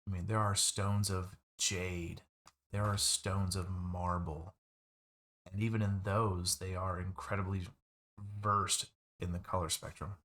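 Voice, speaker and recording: A man narrating a tabletop game as game master, describing scenes in a relaxed, drawn-out way. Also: deep voice.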